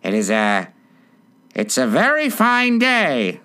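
A man voicing a timid, anxious rabbit who speaks in a low, hurried, frightened hush. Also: wildly swooping pitch, heavily acted. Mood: nervous hush.

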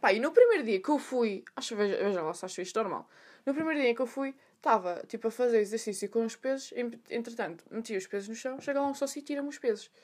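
A woman's voice: fairly high pitch, fast talker. A young woman with a European Portuguese accent, telling a story in a chatty, slangy monologue. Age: young adult. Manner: chatty, animated, full of slang and asides. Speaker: podcast host.

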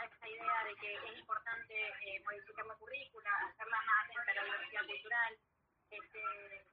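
Breathy Argentine woman on a phone line. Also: a little high. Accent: Argentine Spanish. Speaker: guest academic. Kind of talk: conversational interview answer.

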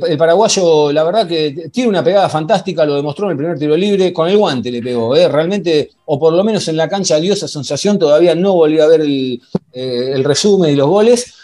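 A man with an Argentine accent hosting a football podcast in a conversational, halting way, often repeating himself. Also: a little high, dark tone. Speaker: sports podcast host. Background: faint music.

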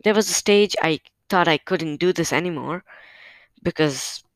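At a moderate pace and in a mid-range voice, a podcast host delivers a casual solo update from home on a new microphone on a stand. The delivery is hesitant and filler-heavy with a touch of nerves, and no room sound is audible.

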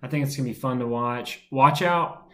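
A man's voice: mid-range voice, normal speed, sharp tone. A man co-hosting a sports podcast, talking loosely and laughing easily in casual chat. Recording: roomy echo.

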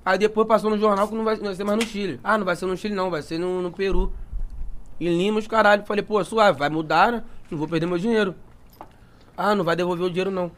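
A man telling a story in a casual podcast chat, animated and full of slang and swearing. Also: sits high, quick pace. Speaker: podcast guest.

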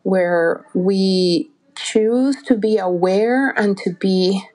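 A woman's voice: mid-range voice, extremely slow, a little mellow. Earnest woman in her forties, encouraging. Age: 40s. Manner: earnest, encouraging, searching for words with restarts. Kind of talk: motivational solo talk.

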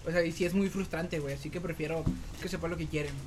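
A man's voice: on the high side, fairly even intonation, background noise. A Mexican man in his late teens with a Mexican accent, chatting casually and slangily with friends. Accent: Mexican Spanish. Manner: fast, slangy, says "güey" constantly. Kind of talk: casual chat among friends.

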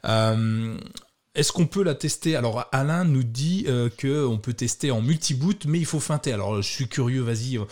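A man's voice: mid-range voice, moderate pace, darkish tone. A man hosting a casual tech podcast, talking with many fillers and restarts. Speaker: podcast host.

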